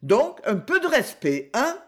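A woman's voice: high voice, wildly swooping pitch, measured pace, voice pushed up, exaggerated voice. A woman reading aloud, voicing a bold young woman detective with a raised, pleading then haughty delivery.

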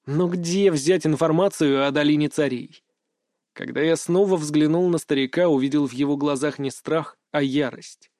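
Male audiobook reader, fairly high voice, dry close sound, brisk gruff edge. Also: darkish tone, dry recording. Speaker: audiobook narrator. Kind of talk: first-person fantasy audiobook narration.

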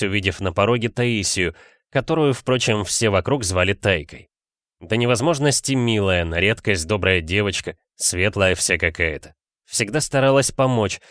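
Man narrator, audiobook, low voice, dry recording. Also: fairly bright tone, no echo. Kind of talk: scripted narration.

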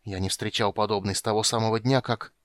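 A man reading the part of a frail young male mage who speaks in a hushed hiss. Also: fairly low pitch, fairly even intonation, fast, natural voice. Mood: grim warning. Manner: hushed, hissing.

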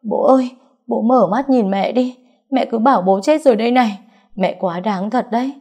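A woman voicing a grief-stricken young woman who cries hoarsely over her dead father in an audiobook story. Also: fairly high pitch, takes it slowly, pitched above the performer's own voice. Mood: anguished wailing. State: crying.

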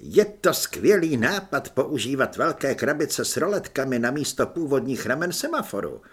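A man voicing a keen, clever young soldier in an audiobook, explaining his ideas eagerly and quickly. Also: medium pitch, very animated, husky. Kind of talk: audiobook character voice.

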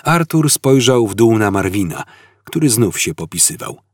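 A man narrating an audiobook with slow, expressive storytelling. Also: on the low side, breathy edge, no room sound, studio quality. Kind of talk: audiobook reading.

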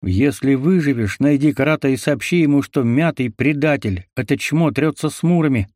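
A man voicing a gruff, terse, wounded forester fighting his way out, in a dry recording. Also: mid-range voice, normal speed, darkish tone, dry recording, voice pushed up, lightly acted. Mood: urgent.

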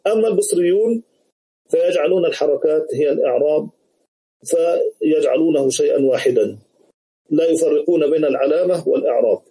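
A man teaching a grammar lesson over a video call, explaining slowly and repeating key words. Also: fairly high pitch, mellow, poor audio.

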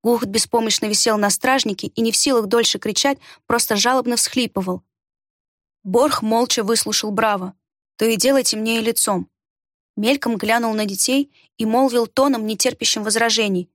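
A woman's voice: a little high, fairly even intonation, normal speed, no room sound, studio quality. Woman reading a fantasy story aloud. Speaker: audiobook narrator. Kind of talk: scripted narration.

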